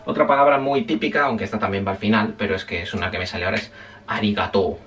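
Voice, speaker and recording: A man's voice: on the low side, fast talker, fairly bright tone, far from the mic, slight background noise. A man teaching a casual spoken language lesson, chatty and self-correcting, often checking in with his listeners.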